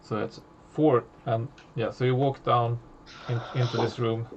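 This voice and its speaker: A man narrating as game master of a tabletop horror game, halting, with many fillers and restarts. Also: medium pitch, steady tone, dull audio, noisy background.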